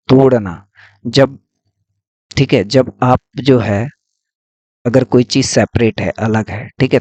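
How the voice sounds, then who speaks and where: A man teaching English vocabulary in a casual lesson, explaining slowly and asking then answering his own questions. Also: lowish voice, darkish tone, no room sound.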